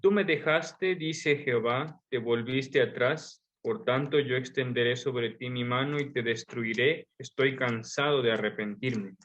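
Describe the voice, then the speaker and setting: A man's voice: medium pitch, measured pace, few pauses, a bit bright. A man in a class reading a Bible verse aloud. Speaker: class member reading scripture. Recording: dull, from a distance.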